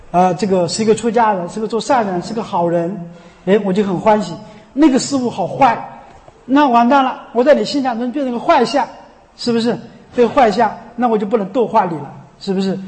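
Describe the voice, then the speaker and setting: A man's voice: sits high, darkish tone. A male Buddhist monk giving a sermon, often asking his listeners rhetorical questions and chanting a sacred name as he teaches. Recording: long hall reverb.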